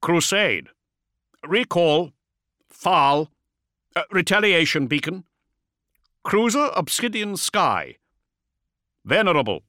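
A man's voice: on the high side, sing-song, slow, pauses often, pushed and bright, no room sound, clean studio sound, pitched above the performer's own voice, full character voice. Man doing a terse battle-worn space warrior. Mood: terse urgent. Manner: clipped fragmentary phrases. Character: gruff male space marine castellan, battle-worn.

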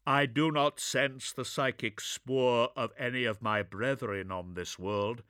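A man voicing a cold, solemn armoured male warrior with a dry voice, slow and over-enunciating every syllable. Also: mid-range voice, fairly even intonation, sharp tone, clear, resonant tone, no echo.

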